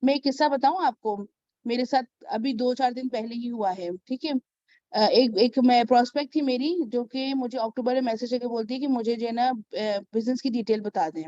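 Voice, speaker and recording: In a casual advice vlog, a woman with a somewhat high, mellow voice mentors viewers on network marketing at a moderate pace. She tells stories chattily, checks in with her listener, and acts out the people she describes, with no room sound and a dull, lo-fi recording.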